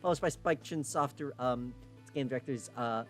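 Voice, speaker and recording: A man hosting a live stream, chatting casually and excitably as he plays a game, now and then swearing. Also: medium pitch, normal speed, soft background music. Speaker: streamer and host.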